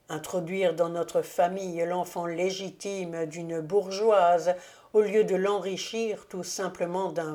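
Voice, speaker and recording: A woman's voice: on the low side, mellow. A woman reading the part of a proud, arrogant young male nobleman in an audiobook, in a haughty, self-satisfied manner.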